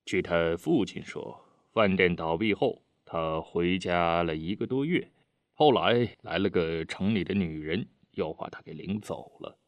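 A man's voice: low-pitched, unhurried, dry recording. A man voicing an eager, earnest middle-aged official who keeps pressing his case in a storybook reading. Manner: earnest, pleading, talkative.

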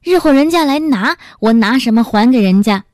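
Woman doing a stubborn honest old innkeeper woman, indignant, firm, lively pitch, dry sound. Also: moderate pace, no echo, close to an everyday voice.

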